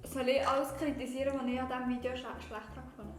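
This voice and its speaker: A young woman with a high voice and a Swiss German accent talks casually as an amateur video host. She is playful and self-deprecating, in a very reverberant room with prominent music behind. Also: steady tone, quick pace. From Switzerland. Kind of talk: casual chat to camera with a friend.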